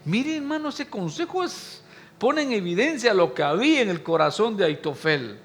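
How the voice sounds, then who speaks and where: A man's voice: high voice, sing-song, normal speed, a bit bright. A man preaching a Sunday sermon as pastor, speaking emphatically and often addressing listeners as brother.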